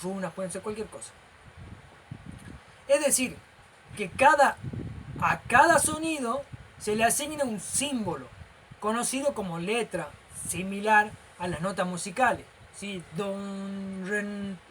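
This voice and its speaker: A man with a Rioplatense Spanish accent gives an informal lecture as a teacher, explaining things step by step and repeatedly checking that the listener is following. He is animated and gestural, with a high voice at a moderate pace, in a low-quality recording with slight background noise.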